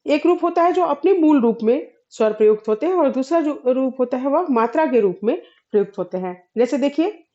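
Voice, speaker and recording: A woman teaching a spoken Hindi grammar lesson, explaining slowly with many fillers and pauses and clearing her throat often. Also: high voice, animated, dark tone, highs cut off.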